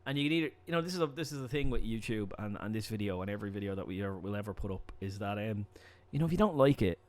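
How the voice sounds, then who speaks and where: A young man with a Dublin Irish accent, a podcast co-host who rambles through animated stories, restarting sentences and swearing freely. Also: lowish voice, racing. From Ireland. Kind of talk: casual chat.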